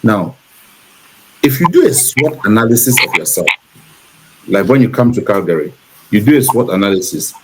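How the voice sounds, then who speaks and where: A man's voice: lowish voice, sing-song. Man from cameroon, talk show host, emphatic repetitive delivery, noisy recording. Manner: preachy, measured, repeats for emphasis.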